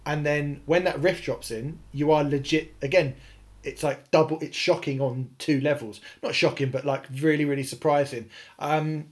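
A man co-hosting a music podcast, talking in a relaxed, rambling way with the odd swear. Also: a little high, normal speed. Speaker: podcast co-host. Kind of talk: casual music review chat.

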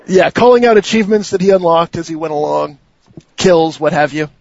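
A man hosts a laid-back gaming podcast in a fairly high, gravelly voice, often stopping and restarting his thoughts. The sound is dry and slightly dull. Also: brisk, no echo. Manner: hesitant, many restarts and fillers. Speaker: podcast host. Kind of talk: casual gaming podcast chat.

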